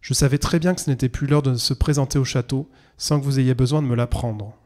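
Brief: man reading tired, composed surveyor, calm and low, warm tone. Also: natural voice. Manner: calm, low-voiced, measured. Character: weary, composed male land surveyor.

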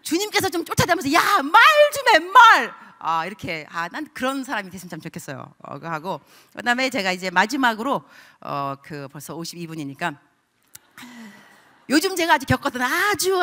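A middle-aged woman pastor delivers a sermon as an animated storyteller, acting out the voices of the people she talks about. Her pitch swings widely from low asides to high outbursts. Her tone is bright and sharp.

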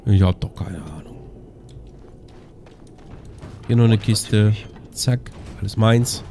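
A man's voice: lowish voice, a little slow. A man giving casual gameplay commentary as a let's play host, chatty and sarcastic as he mutters at his teammates. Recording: game music loud behind voice.

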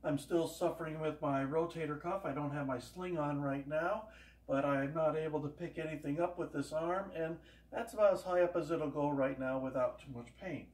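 In a casual cooking demonstration, an older man tells meandering homespun stories at a moderate pace, his voice fairly high in pitch with a darkish tone. He's a home cooking vlogger filmed by a camera on the far side of the kitchen, so the echoey room leaves him sounding distant.

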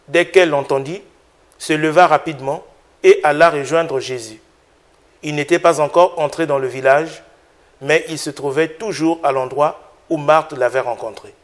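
A male preacher with a slightly high voice who reads scripture and then teaches. He speaks slowly and deliberately, pausing and correcting himself as he explains. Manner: deliberate, with restarts and filler sounds. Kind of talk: scripture reading and homily.

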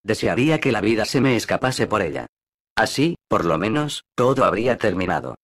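A man's voice: lowish voice, big pitch swings, a little fast, no room sound, studio quality. A man voicing a wounded, bitter naval captain in an audiobook, with a gloomy, brooding delivery.

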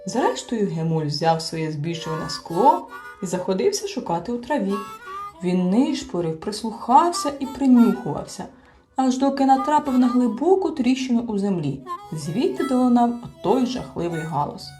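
A woman's voice: a little high, moderate pace. A woman reading a children's fairy tale as an audiobook narrator, with faint music behind. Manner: expressive, animated reading. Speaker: storyteller.

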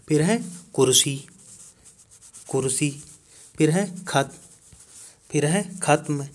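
A man teaching a lesson, reading a word list slowly and saying each word twice. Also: a little high. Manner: slow, repeats each word twice while writing on a board.

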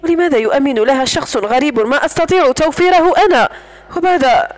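Casting: a woman reading a sharp-tongued possessive young man, high voice, storybook. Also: fast talker, lightly acted. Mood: indignant. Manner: sharp, indignant.

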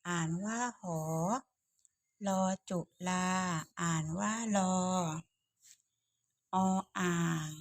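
A woman teaching the alphabet to children, reading each letter slowly and clearly in a steady repetitive drill. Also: on the low side, no room sound, clean studio sound.

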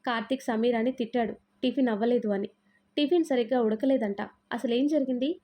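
A woman voicing a stern, fair-minded older father-in-law who questions firmly and speaks gently to his daughter-in-law in a storybook reading. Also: on the high side, a little fast, lo-fi sound, close to an everyday voice. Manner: firm, questioning.

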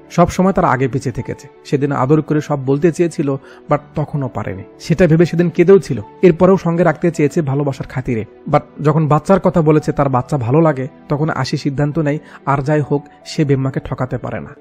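A man's voice: on the high side, a little mellow. A man from Bangladesh narrating a film's plot in a dramatic, emotional way, with personal asides, as a close-miked voice-over. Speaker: movie recap narrator.

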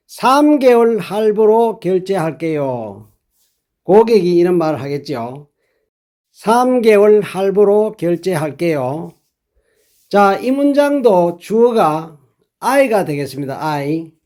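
High-voiced man teaching slowly. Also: a little mellow. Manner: deliberate, repeats phrases slowly for learners to copy. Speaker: English teacher. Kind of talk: explaining English phrases in a lesson.

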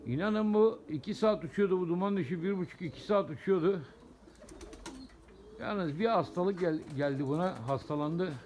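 A man with a high voice talks through a casual outdoor vlog at his pigeon loft. He is chatty, repeats words and keeps addressing his viewers as he follows the birds. Faint background noise and cooing pigeons run under a phone-camera recording. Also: normal speed, darkish tone. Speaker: pigeon keeper vlogger.

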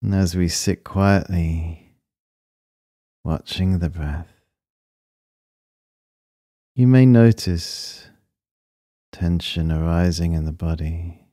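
A man leading a guided breathing meditation in a calm, soothing, unhurried way, with short phrases and long pauses. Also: low-pitched, no room sound, studio quality.

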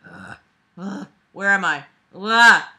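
A young adult woman lies on her bed in a small bedroom, reading a book aloud at a slow pace in a mid-range voice that sounds pushed and bright. She keeps up a casual running commentary, sarcastic and exasperated, swearing freely. Her device's camera mic picks her up from arm's length.

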